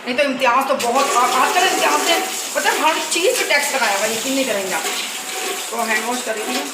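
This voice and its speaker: A middle-aged woman, chatting casually in a home vlog from her rented house and retelling her arguments in an animated way. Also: sits high, quick pace, reverberant, heavy background noise. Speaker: vlogger.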